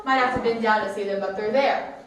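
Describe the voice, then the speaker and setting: Inside a cave, a female guide gives a group a casual tour, explaining things in a brisk, fairly high voice. The recording is very echoey, taken from a distant mic, with faint noise.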